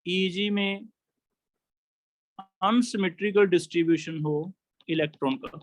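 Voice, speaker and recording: High-voiced male chemistry teacher. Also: unhurried. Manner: explains step by step, asks students questions. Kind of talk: classroom lecture.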